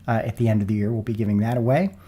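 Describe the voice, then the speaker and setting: A man hosts a casual sponsor interview podcast in a folksy way, sounding a little froggy as he gets over a cold. His voice is on the low side, mellow and husky, with fairly even intonation and a racing pace.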